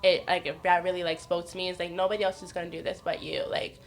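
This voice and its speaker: Talking fast in a low, level voice, a woman in her twenties from the northeastern United States appears as a guest on a podcast. The chat is candid and casual, full of her frank personal stories, frequent laughter, and impressions of what others said.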